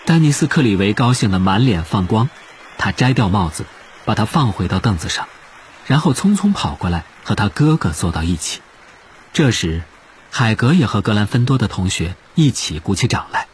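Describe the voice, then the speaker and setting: A man narrating an audiobook in an expressive storytelling manner. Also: fairly low pitch, moderate pace, a little hiss or hum.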